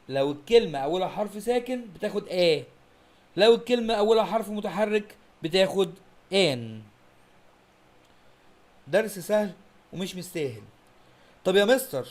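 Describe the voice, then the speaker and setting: A man's voice: fairly high pitch, darkish tone. A man with an Egyptian Arabic accent giving an exam-prep English lesson, asking the students' questions himself and then answering them, and repeating key points. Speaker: English teacher.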